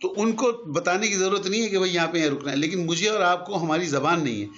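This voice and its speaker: A man's voice: sits high, fairly bright tone. An older man teaching Arabic grammar in a conversational lesson, patiently explaining with examples and mixing in English words. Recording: dull lo-fi recording.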